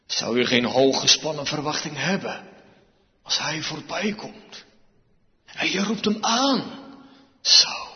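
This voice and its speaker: A man preaching a sermon, slow and emphatic, his voice swinging widely in pitch and loudness. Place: church. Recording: dull sound with long reverb, church hall.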